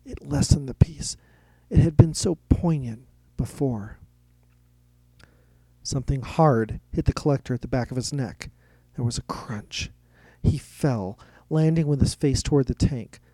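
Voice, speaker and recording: Male audiobook narrator, mellow dark timbre, dry close sound. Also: medium pitch, a little slow, breathy edge, no echo. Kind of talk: scripted story narration.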